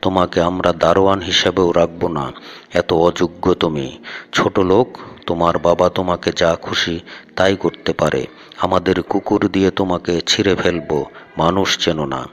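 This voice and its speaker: A man's voice: low voice, moderate pace, in a large hall. A man voicing a proud, temperamental young woman who leads her friends, read in a storyteller's plain tone. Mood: furious. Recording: steady hum and vehicle noise behind.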